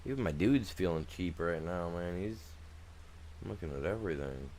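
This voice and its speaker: Expressive and low, with a darkish tone and moderate pace, a young man's voice carries casual live chat as he plays a farming game for his viewers. He rambles in a laid-back way, often trailing off before starting over. A little hiss or hum sits in the recording.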